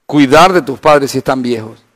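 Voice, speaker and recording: A male pastor, preaching a Bible study in an animated way, acting out imagined voices and asking the listeners rhetorical questions. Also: medium pitch, moderate pace.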